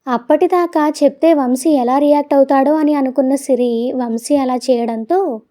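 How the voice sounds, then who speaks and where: A woman tells a romantic audio story in gentle, expressive scripted narration. Her voice is high. Its tone is mellow and warm. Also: normal speed.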